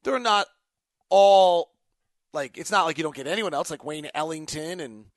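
A sports podcast host with a slightly high voice speaks at a moderate pace in clean, echo-free studio sound. Hosting an unscripted show, he talks basketball and answers fan questions, thinking aloud in choppy, emphatic phrases.

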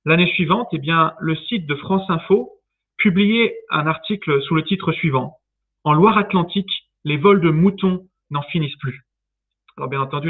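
A man giving a talk from a library, starting it in a playful, storytelling way. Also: fairly high pitch. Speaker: guest speaker, theology student. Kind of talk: talk with a light intro. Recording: tinny phone-like online call.

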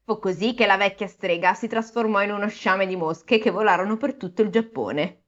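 A woman reading a folk tale aloud in an animated, amused way, chatting between passages. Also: mid-range voice, moderate pace. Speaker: storyteller. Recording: dull lo-fi recording.

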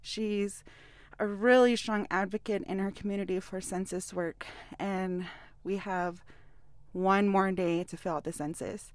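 A woman's voice: mid-range voice, steady tone, measured pace, no echo. A woman hosting a live podcast on location at an outdoor community event, upbeat and a little out of breath. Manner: enthusiastic, upbeat. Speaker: podcast host.

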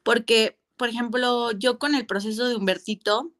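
A woman's voice: fairly high pitch, steady tone, normal speed, a bit bright. A woman, a mother talking candidly and reflectively in a casual interview, with many fillers and restarts. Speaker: guest mother.

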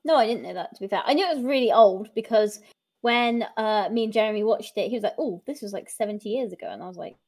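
A woman's voice: medium pitch, fast talker, a little mellow. A woman in her twenties hosting a podcast in casual chat, chatty, laughing often and trailing into fillers. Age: 20s. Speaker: podcast host.

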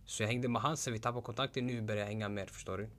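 A man's voice: on the low side, fairly even intonation, fairly bright tone. A young man in a casual chat, slangy and hesitant. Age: young adult. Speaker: guest.

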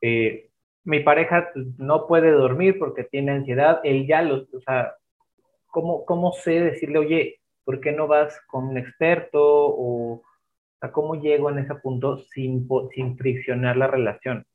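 A man hosts the interview and asks questions hesitantly, restarting often. His voice has a mid pitch. The audio is thin and phone-like. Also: steady tone, measured pace. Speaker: interview host.

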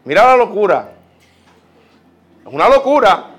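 A man with a Puerto Rican accent preaching a sermon, telling personal stories with lively quoted prayers. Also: sits high, a little slow. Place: church.

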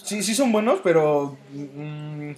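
High-voiced Mexico City man, slangy banter. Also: animated, takes it slowly, a little mellow. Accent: Mexico City Spanish. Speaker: podcast co-host. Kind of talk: casual chat.

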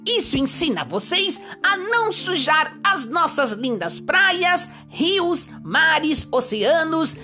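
Lady doing a jolly kiddie-show pirate, really high bright voice, sing-song and exaggerated. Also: big pitch swings, slow, hardly any pauses, faint music behind, full character voice. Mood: cheerful. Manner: exaggerated, sing-song, addressing little listeners. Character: jolly friendly boy-like pirate host for children. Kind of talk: children's story podcast.

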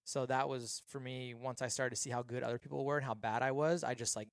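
A young man on a podcast, telling stories in a casual chat and acting out quick quotes as he goes. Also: medium pitch, gravelly, no echo, clean studio sound. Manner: animated storyteller, quick acted-out quotes.

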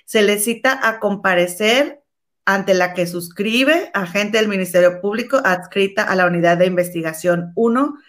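A woman's voice: mid-range voice, moderate pace, a bit bright. A woman co-hosting a gossip show, chatting casually and reading a document aloud, calling her partner comadre.

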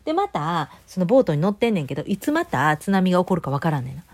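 A middle-aged woman with a Kansai Japanese accent chatting alone at home, telling a rambling story full of fillers. She speaks fast in a slightly low voice, and the recording is close and dry with no room sound. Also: very animated, a little mellow, dry recording. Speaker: vlogger. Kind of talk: casual solo chat.

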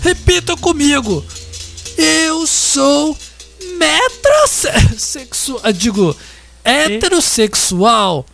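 A camp, flustered doctor trying to sound like an alpha male guru in a radio comedy sketch. He has a Brazilian accent and speaks slowly and theatrically, swooping between fluty and gruff. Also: very high voice, sing-song, a bit bright, soft background music, exaggerated voice. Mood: flustered, hectoring. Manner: camp, theatrical, self-correcting into a gruff macho tone. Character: flustered effeminate male doctor posing as macho motivational guru. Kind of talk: comedy radio sketch, mock motivational speech.

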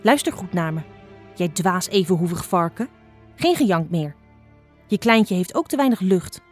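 A woman voicing a blind, sharp-tongued old female fox who scolds impatiently. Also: on the low side, animated, moderate pace, faint music behind, close to an everyday voice. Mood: stern.

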